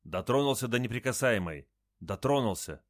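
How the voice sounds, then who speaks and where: A man voicing a frightened, submissive young woman who warns in hushed tones. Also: mid-range voice, lively intonation, normal speed, no echo, studio quality, close to an everyday voice. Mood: fearful. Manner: hushed, fearful.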